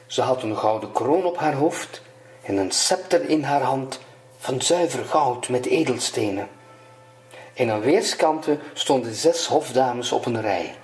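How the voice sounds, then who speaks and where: An older man reading a fairy tale aloud as a storyteller, slow and measured. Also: mid-range voice, animated, soft background music. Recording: roomy echo.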